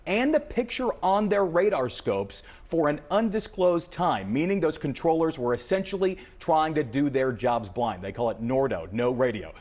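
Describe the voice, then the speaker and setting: An American aviation correspondent delivers a live news report, his pitch swinging in lively arcs as he explains things. He speaks at a moderate pace with few pauses, and his phrasing is punchy and emphatic.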